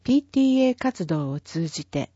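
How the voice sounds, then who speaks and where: A woman with a lowish, dark, breathy voice reads a printed town newsletter aloud at normal speed, very animated yet careful and even. She spells out numbers and addresses digit by digit. The recording is dull, lo-fi, and dry with no echo.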